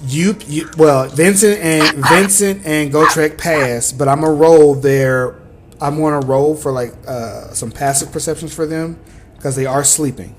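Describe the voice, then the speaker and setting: A man's voice: a little high, unhurried, slight background noise. A young man acting as game master, narrating in a rambling, self-correcting way with casual swearing.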